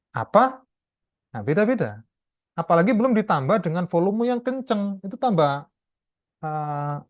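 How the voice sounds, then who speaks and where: A man lecturing a class over a video call, explaining step by step in a chatty way and often tagging his sentences with quick checks. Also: high-pitched, no echo, lo-fi sound. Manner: chatty, explanatory, keeps adding tag questions. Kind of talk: online class talk.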